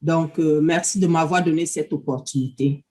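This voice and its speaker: A woman's voice: deep voice, fairly even intonation, normal speed, warm tone. A middle-aged woman from Cameroon answering interview questions politely, hesitating often. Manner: polite, hesitant with many fillers. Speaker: interview guest.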